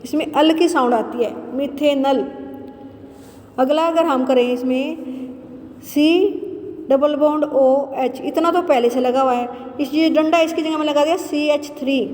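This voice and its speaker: A woman teacher giving a chemistry lesson, asking questions and answering them herself, repeating key terms slowly. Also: high-pitched, steady tone, a little mellow. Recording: roomy echo with long reverb.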